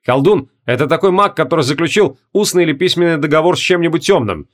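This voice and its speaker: A man's voice: a little high, animated, quick pace, close to an everyday voice. A man reading an audiobook voices a big, jovial male sorcerer who teases his friend with lazy banter. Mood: teasing.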